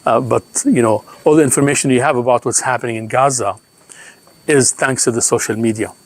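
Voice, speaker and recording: A man's voice: mid-range voice, brisk. A man, a guest lecturer, closing his talk conversationally and inviting the audience's thoughts. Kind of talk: lecture wrap-up.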